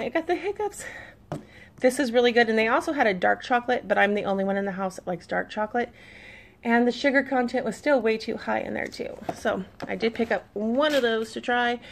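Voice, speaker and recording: A woman in her thirties chats easily to camera about things she bought, reading labels aloud as she goes. Her voice sits a little high, with a gravelly fry running through it. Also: fairly quick, a little hiss or hum. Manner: chatty, reads labels aloud, easygoing. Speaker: vlogger mom showing a shopping haul. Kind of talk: casual chat to camera.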